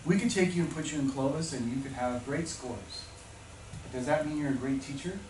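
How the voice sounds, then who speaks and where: A man's voice: fairly high pitch, brisk, darkish tone. Passionate male speaker in an echoey room. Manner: passionate, storytelling, rising to emphatic peaks. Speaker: teacher orientation speaker. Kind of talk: motivational talk to new teachers. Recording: echoey room, speaker far from mic, noisy.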